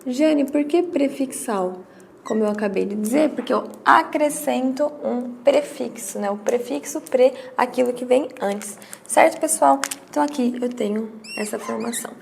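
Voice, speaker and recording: A woman's voice: fairly high pitch, normal speed, creaky, a little mellow, slight background noise. A woman teaching a grammar lesson, explaining step by step with rhetorical questions and acting out her students' questions.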